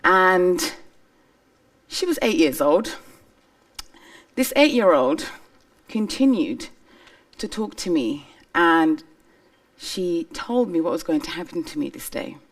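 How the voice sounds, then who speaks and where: Low-voiced woman telling her story on stage. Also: lively intonation, slow, pauses often, recorded from a distance. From Somalia. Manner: earnest, emphatic storytelling. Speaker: speaker on stage. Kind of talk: personal testimony talk. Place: stage before an audience.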